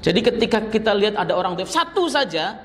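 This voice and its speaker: A man's voice: sits high, very animated, fast, a bit bright, in a large hall, slight background noise. A middle-aged man giving a conversational Islamic study lecture in a mosque, with teasing asides. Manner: conversational, teasing asides, chants verses in demonstration. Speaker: Islamic teacher.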